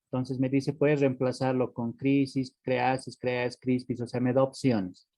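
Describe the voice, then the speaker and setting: A man's voice: medium pitch, flat delivery, measured pace, dark tone, no echo. A male teacher giving an online class, explaining patiently and checking in with "¿no?" and "¿sí?" after almost every phrase. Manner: patient, explanatory, repeats words as he goes.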